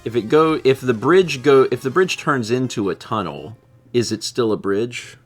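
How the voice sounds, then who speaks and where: A man's voice: medium pitch, expressive, normal speed, faint music behind. A man hosting a casual livestream, rambling and repeating himself as he muses and reads out viewer comments. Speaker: livestream host.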